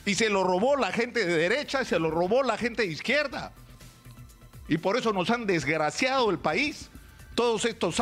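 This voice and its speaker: Emphatic older Peruvian man, high voice. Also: a bit bright. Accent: Peruvian Spanish. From Peru. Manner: emphatic, gesturing, rhetorical questions. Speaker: radio news commentator. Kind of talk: live opinion commentary. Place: small radio studio. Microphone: studio mic on a stand, close.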